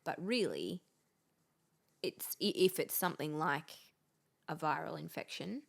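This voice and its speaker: Woman cohost, lowish voice, keeps asking stuff and going yeah okay. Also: sing-song, creaky. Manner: asks questions, quick agreeing interjections. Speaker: podcast co-host. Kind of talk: casual chat.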